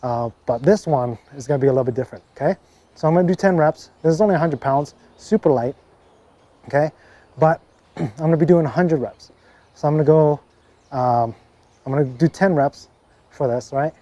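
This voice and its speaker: A man giving casual workout instruction as a fitness coach, relaxed and full of fillers and "okay, right?" check-ins. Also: on the high side, brisk, long pauses, no room sound. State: briefly out of breath after a set.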